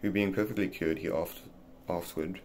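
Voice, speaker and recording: Deep-voiced man reading an old essay. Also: steady tone, brisk, a little mellow, a little hiss or hum. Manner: stumbling, repeating words as he reads. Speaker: reader of a classic essay. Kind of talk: reading an old text aloud.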